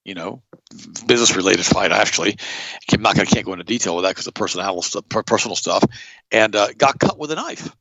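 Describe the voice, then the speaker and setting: A middle-aged man hosting a show, telling stories in a blunt, animated way and jumping up in pitch for emphasis. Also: quick pace, vocal fry, no room sound, muffled recording. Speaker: podcast host. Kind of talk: casual storytelling chat.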